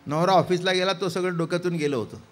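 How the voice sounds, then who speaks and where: A man's voice: high-pitched, fast talker, a bit bright, faint music behind. A man preaching a devotional kirtan sermon, telling stories with acted dialogue and asking the audience questions. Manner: theatrical, acts out dialogue, asks the audience questions.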